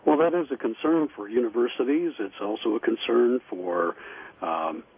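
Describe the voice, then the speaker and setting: A man speaking as an interview guest over the phone, explaining in a halting, measured way. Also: mid-range voice, slightly rough. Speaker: radio guest, statehouse show host. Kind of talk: interview commentary. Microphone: telephone call. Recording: tinny, muffled phone line.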